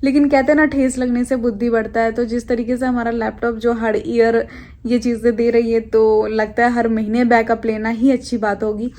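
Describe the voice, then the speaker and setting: A young adult woman vlogger chatting casually to her viewers, rambling and pausing often to search for words. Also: on the high side, level tone, dark tone. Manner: chatty, rambling, with frequent hesitations. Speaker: lifestyle vlogger. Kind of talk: casual chat to camera.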